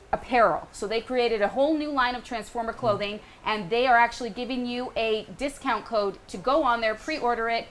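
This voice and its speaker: High-voiced woman hosting a live show. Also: fairly bright tone. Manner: upbeat, running the segment and cueing the crew. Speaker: host.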